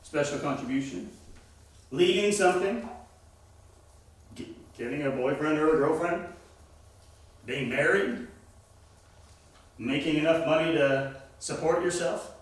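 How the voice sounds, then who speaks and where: A man's voice: on the high side, measured pace, pauses often, recorded from a distance. A man teaching a Bible class, speaking emphatically and asking the class questions. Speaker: church teacher. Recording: echoey room, voice from afar.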